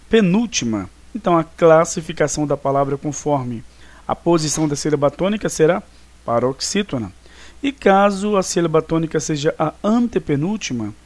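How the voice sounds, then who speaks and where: A male teacher talking through exercises in a recorded online class, casual and chatty, often checking in with his students. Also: a little high. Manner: casual, chatty, with many fillers and check-ins.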